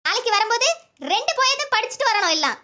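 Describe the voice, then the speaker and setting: A woman's voice: very high voice, lively intonation, quick pace, pushed and bright, heavily acted. A woman voicing a stern, scolding female village teacher in a comedy cartoon, nagging in exasperation with a southern Tamil Nadu accent. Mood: exasperated. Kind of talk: comedy skit voice acting.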